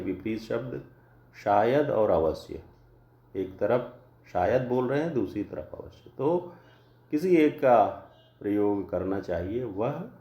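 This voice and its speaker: A man teaching a grammar lesson, explaining slowly and deliberately through worked examples. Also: fairly low pitch, dark tone, echoey room. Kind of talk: classroom lecture.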